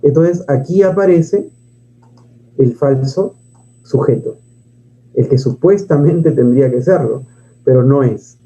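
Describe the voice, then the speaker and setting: A man's voice: mid-range voice, slow pace, long pauses, mellow. Dull-sounding man teaching grammar. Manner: asks and answers his own questions, reads poems aloud. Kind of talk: grammar lesson.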